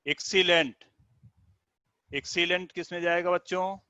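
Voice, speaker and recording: Man, teacher, slow careful delivery, bright voice, repeats and spells words, dull lo-fi recording. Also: high-pitched, steady tone, clear, resonant tone, no room sound. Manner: slow, repeats each word aloud and spells it out to children. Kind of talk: classroom video lesson. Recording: dull lo-fi sound.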